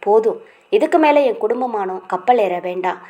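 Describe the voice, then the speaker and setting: A furious older patriarch from a storybook, proud and vengeful, hurling threats, as a woman narrator puts him on. His voice rises loud and sharp with anger. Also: mid-range voice, lively intonation, normal speed, close to an everyday voice. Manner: shouting, threatening.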